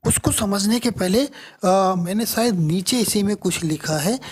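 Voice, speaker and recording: Male grammar teacher; slow, patient delivery, husky tone, repeats and checks understanding. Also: high voice. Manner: repeats each point, restating terms in two languages; unhurried, with frequent checking questions. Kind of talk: explanatory grammar lesson.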